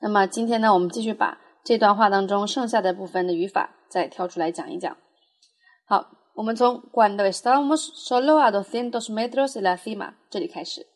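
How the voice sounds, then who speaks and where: A woman's voice: mid-range voice, brisk. Mandarin-speaking woman teaching Spanish grammar. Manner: explains patiently in Mandarin, reading Spanish phrases aloud, with many fillers. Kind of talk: language lesson.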